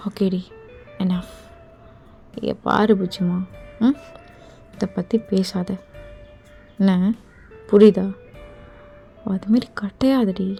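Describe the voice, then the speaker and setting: A woman's voice: mid-range voice, slow pace, vocal fry, long pauses, mellow, faint music behind. A woman voicing a curt, scolding young man. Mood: irritated. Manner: curt, harsh, dismissive. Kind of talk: fan voice drama acting.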